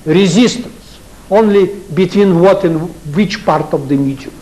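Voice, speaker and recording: An older man with a Russian accent giving a university lecture, speaking in halting English and asking his students rhetorical questions. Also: high voice, warm tone, slight background noise, low-quality recording. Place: lecture hall.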